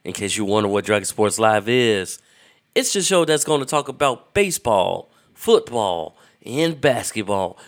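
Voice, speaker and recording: A man hosting a live show like a ringmaster, announcing in a drawn-out, emphatic showman's manner. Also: fairly low pitch, sing-song. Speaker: sports and music show host.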